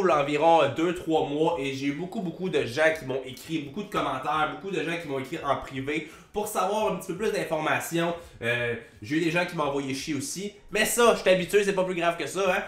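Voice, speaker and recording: A young fitness coach from Quebec, with a Québécois French accent and a head cold making him nasal, talks fast and casually to camera in a vlog, swearing now and then and gesturing a lot. His voice sits on the high side and sounds reverberant in a small room with a plain grey wall, recorded on a large desk mic on a boom arm.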